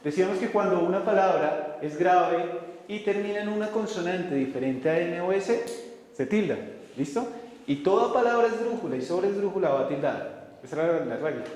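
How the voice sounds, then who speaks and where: A man's voice: high-pitched, darkish tone. Man teaching in a very echoey classroom. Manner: keeps checking in with students, questioning tone. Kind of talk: classroom lecture. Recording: very echoey hall with faint noise.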